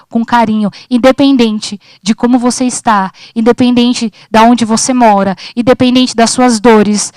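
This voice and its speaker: A woman in her thirties preaches informally at a church youth service, chatty and joking as she acts out her own conversations with God. Her voice is a little high with a darkish tone, recorded without echo.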